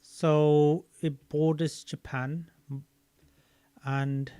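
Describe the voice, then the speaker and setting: A man casually reading a book aloud and commenting on it, thinking out loud as he looks things up. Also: on the high side, flat delivery, extremely slow, clear, resonant tone, no room sound. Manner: thinking aloud while searching maps and videos, loose and chatty.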